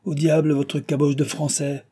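A man's voice: medium pitch, moderate pace, dark tone, husky, natural voice. A man voicing a tall, bony American doctor who speaks French with a guttural foreign accent, placid but firm and grumbling. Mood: exasperated.

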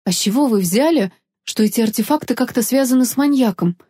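A woman reading an audiobook voices an earnest, slightly nervous young woman artificer, raising her pitch a little. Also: animated, quick pace, dark tone, slightly rough, no room sound, clean studio sound. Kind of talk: audiobook character voice.

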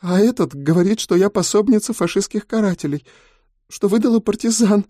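A man's voice: high voice, a little fast, mellow, no room sound, clean studio sound, pitched above the performer's own voice. A man voicing a frightened tearful young woman. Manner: tearful, pleading.

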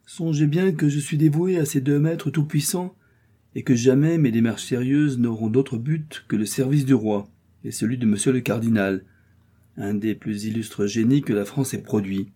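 A stern older musketeer captain speaks with a commanding, measured tone, as a male narrator puts him on. The voice is very dark and husky, read as an audiobook character. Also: mid-range voice, close to an everyday voice.

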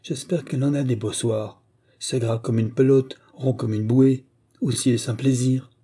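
A man voicing a boisterous, hard-drinking army sergeant who talks loud and jovial, in an audiobook reading. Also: mid-range voice, steady tone, moderate pace, lightly acted. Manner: loud, swaggering, jovial barrack-room talk.

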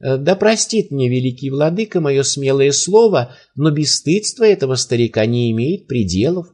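A man's voice: medium pitch, expressive, moderate pace, a little mellow. Bold, sly trickster with a courtly mocking tone, voiced by a male reader. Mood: polite. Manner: smooth, mockingly polite.

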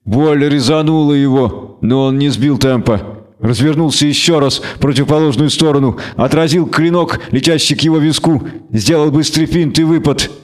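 A man reading a fantasy audiobook in a measured, dramatic narration. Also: on the high side, darkish tone.

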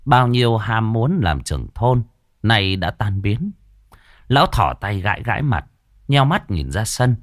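A man narrating a story in a lively, expressive way into a close mic. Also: fairly low pitch, dry recording.

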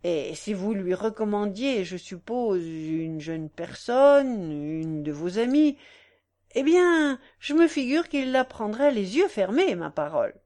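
A woman's voice: mid-range voice, lively intonation, slow, dark tone. A woman reading aloud voices a scheming, chatty old countess who keeps pressing and coaxing to get her son married. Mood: persuasive. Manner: coaxing, insistent, effusive.

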